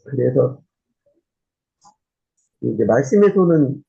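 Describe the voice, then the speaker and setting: A male pastor giving a conversational church teaching, often pausing on fillers and restarting his sentences. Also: mid-range voice, animated, gravelly, dark tone, lo-fi sound.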